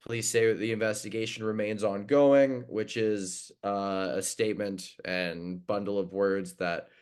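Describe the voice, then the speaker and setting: A young man co-hosting a casual sports podcast, animated and joking as he rambles through hockey news. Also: fairly low pitch, unhurried, clear, resonant tone. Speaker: podcast co-host.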